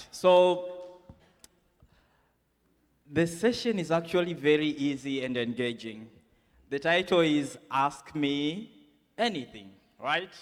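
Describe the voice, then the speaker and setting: A man moderating a conference session, talking casually to the audience with many fillers and prompts. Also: a little high. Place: conference hall. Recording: large hall reverb.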